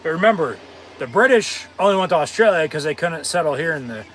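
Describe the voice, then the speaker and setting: A man's voice: fairly high pitch, expressive, fast talker, a bit bright, slight background noise. An American man hosting a live watch-along, commenting casually and sarcastically, with some swearing. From United States.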